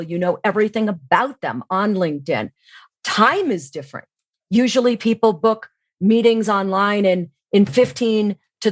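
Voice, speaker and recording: Over a remote online call, a female sales training expert explains topics in an instructive way as a podcast guest, often questioning and then answering herself. Her voice is mid-range, and there's no room sound.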